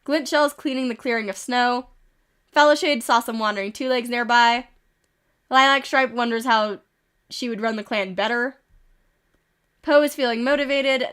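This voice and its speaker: A woman's voice: on the high side, fairly bright tone, smooth. A woman streaming a game, reading events aloud with amused asides, a little sick with occasional coughs. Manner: reads events with quick amused asides and chuckles.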